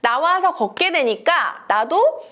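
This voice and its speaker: A young giraffe from a picture book, eager and hopeful, as a woman reads it out. The voice springs high on excited cries and swoops in lively arcs. It keeps a bright storybook feel throughout. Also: takes it slowly, exaggerated voice.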